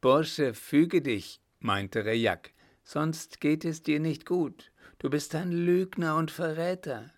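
A threatening accomplice in an audiobook story speaks curtly, pitched noticeably higher than the narration, as a man reads him. He issues warnings without raising his voice much. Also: slow pace. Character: harsh male accomplice officer, threatening.

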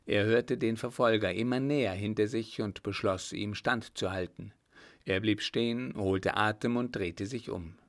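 A man reading a historical adventure novel aloud in a steady, measured narration. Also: on the low side. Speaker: audiobook reader. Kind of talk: scripted narration.

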